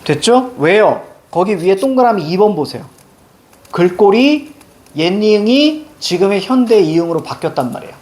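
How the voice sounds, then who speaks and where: A middle-aged man teaching a class, his voice sitting high and swinging widely up and down. He keeps tossing quick check-in questions at his students. He slows right down to stretch out each example word he wants them to remember. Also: expressive, darkish tone. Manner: drawn-out emphasis on example words. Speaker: Korean language teacher. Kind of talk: classroom lecture.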